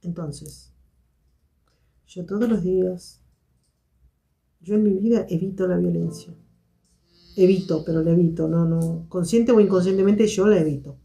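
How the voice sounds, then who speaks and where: A woman hosting a live stream, speaking to her viewers in a measured, reflective way and repeating her key points. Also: lowish voice, fairly even intonation, vocal fry, warm tone.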